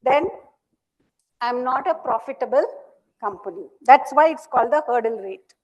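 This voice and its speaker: High-pitched woman giving a lecture. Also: lively intonation, moderate pace, a little mellow, low-quality recording. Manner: teacherly, asks and answers own questions, checks understanding. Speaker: workshop speaker on startup finance. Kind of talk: explanatory lecture.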